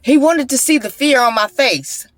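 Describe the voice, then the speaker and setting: A woman's voice: sits high, animated, normal speed, no room sound. Emphatic woman giving an urgent testimony. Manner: emphatic, repetitive, preacher-like urgency. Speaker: vlogger sharing a personal testimony. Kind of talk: emotional spoken testimony with prayer.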